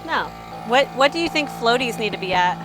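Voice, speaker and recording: A woman narrating a casual RV vlog in a chatty, playful, excitable way. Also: a little high, brisk. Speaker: vlogger. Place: RV campground, indoors and outdoors. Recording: background music.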